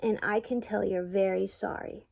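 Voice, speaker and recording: A brave, loyal young male Fraggle speaks in a slightly lifted, firm voice, as an older woman acts him out. He settles into kindly, forgiving tones that carry a gravelly rasp. The setting is a cozy storybook read-aloud. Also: mid-range voice, fairly even intonation, normal speed. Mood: gentle. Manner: firm then gentle, forgiving.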